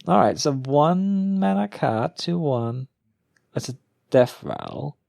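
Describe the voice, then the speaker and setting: A man's voice: on the high side, animated, takes it slowly, gravelly, darkish tone, no room sound, clean studio sound. A man giving casual, off-the-cuff commentary as a gamer, thinking aloud and often trailing off. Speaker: gamer opening card packs.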